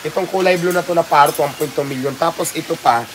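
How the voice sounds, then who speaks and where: A man hosting a casual vlog tour of an outdoor animal park, talking with excitement and cooing baby talk at the animals. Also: fairly high pitch, fast. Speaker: vlogger host. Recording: loud outdoor noise with birds.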